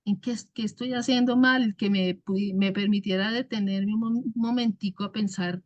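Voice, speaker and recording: Woman, church group speaker, loud and halting, dull dry recording. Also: mid-range voice, fairly even intonation, no echo. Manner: halting, many restarts and fillers; loud speaker by her own account. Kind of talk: casual devotional talk.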